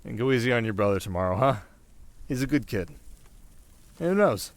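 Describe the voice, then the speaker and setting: A man's voice: mid-range voice, animated, fairly quick, no room sound, natural voice. Man playing Jack Frost, a wry, flirty winter sprite. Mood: reluctant, tender. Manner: casual, wry, sharp-tongued. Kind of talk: ASMR audio roleplay.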